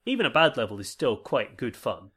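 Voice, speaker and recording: A man's voice: mid-range voice, huge pitch swings, a little fast, fairly bright tone, breathy edge. A man co-hosting a podcast, reading out a listener email in an easygoing way, then chatting about it. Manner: easygoing, reads aloud then riffs. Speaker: podcast co-host.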